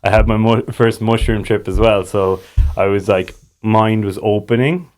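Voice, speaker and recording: A man's voice: fairly low pitch, fairly even intonation, moderate pace, darkish tone, slight background noise. A young man with a west of Ireland accent chatting casually and telling anecdotes in loose, sweary slang, peppered with "like" and "you know". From Galway, Ireland. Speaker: podcast guest, business co-founder.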